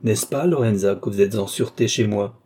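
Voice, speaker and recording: Male narrator as a phlegmatic count who commands, husky, dark tone. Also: fairly low pitch, a little fast. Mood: cool commanding. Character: cool, domineering male count, mesmerist. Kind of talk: audiobook character reading.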